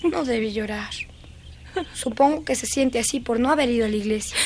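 A woman's voice: a little high, moderate pace, a little mellow, slight background noise, lightly acted. A woman dubbing a dreamy, eerie little girl who is fascinated by dead beetles, in a lingering, singsong, childlike way. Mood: soothing. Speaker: dubbing actress. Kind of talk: film dubbing.

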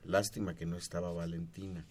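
A man on a radio show reading out listener messages in a plain, brisk manner. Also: deep voice, level tone, darkish tone, slight background noise. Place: radio studio.

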